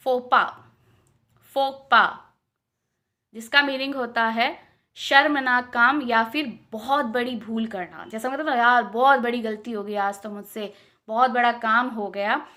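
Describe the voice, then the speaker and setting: A woman with an Indian accent teaching English pronunciation, repeating each word slowly several times. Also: on the high side, sharp tone. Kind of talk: casual spoken lesson.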